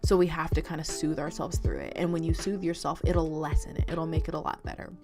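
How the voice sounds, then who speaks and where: Young woman, low voice, rambling casual vlog talk, lots of fillers, music underneath. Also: little pitch movement, brisk. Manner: rambling, many fillers and restarts, soft-spoken. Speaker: vlogger. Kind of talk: casual confessional talk to camera.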